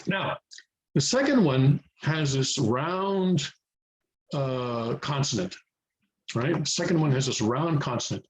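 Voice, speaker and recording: A man with a medium-pitched, expressive voice teaches Korean writing to beginners, taking it slowly in an informal, improvised lesson. He's patient and goes step by step, often hunting for words and repeating himself for emphasis. The audio quality is poor.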